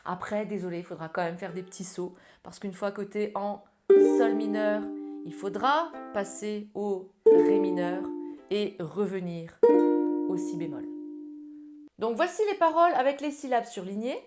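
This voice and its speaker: Woman, ukulele teacher, casual tutorial, informal, loud ukulele behind. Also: medium pitch, expressive, unhurried, loud music behind the voice. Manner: friendly, informal, addresses viewer as tu. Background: ukulele playing.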